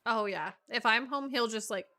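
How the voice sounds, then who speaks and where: A woman's voice: on the high side, moderate pace, pushed and bright. A young woman streaming from home at a desk mic, chatting casually, laughing often and cooing praise at her dog. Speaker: live streamer.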